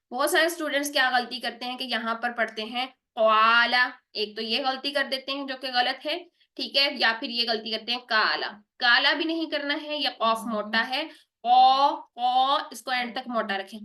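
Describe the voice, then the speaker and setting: A woman leads an online Quran recitation lesson in a bright, clear voice that sits a little high. She talks patiently, keeps checking in with her students and drags out the sounds she is modelling. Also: steady tone. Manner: patient, repeats "theek hai" and models sounds slowly.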